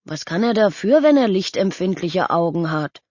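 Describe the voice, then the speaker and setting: A woman's voice: lowish voice, expressive, moderate pace, darkish tone, dry recording. A woman doing a level-headed teen boy. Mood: skeptical. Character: chubby, curious teenage boy Ben, level-headed. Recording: dull lo-fi audio.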